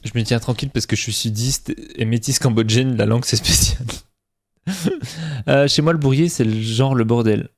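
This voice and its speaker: A man's voice: mid-range voice, fairly even intonation, moderate pace. A young man from Franche-Comté with a faint Franc-Comtois French accent, chatting casually with his stream chat and mocking himself. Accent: slight Franc-Comtois French.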